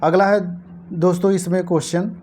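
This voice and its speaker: A woman teaching an exam-prep lesson, explaining answers to past-paper questions and repeating key words slowly for her viewers. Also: on the low side, fairly even intonation, a little mellow, a little hiss or hum.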